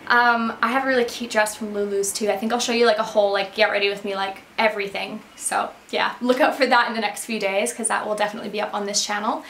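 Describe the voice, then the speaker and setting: A woman's voice: medium pitch, steady tone, fast talker, hardly any pauses, a bit bright, reverberant, slight background noise. A young woman from Canada, a beauty vlogger, chatting casually to the camera from her room in a bubbly, rambling way. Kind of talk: casual catch-up chat to camera. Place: bedroom beauty room, indoors.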